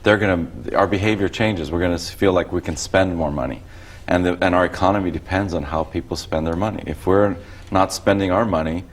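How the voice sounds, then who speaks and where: Low-voiced man from Costa Rica. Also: brisk. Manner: explanatory, conversational. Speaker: economics instructor, guest. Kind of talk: explaining casually on a talk show.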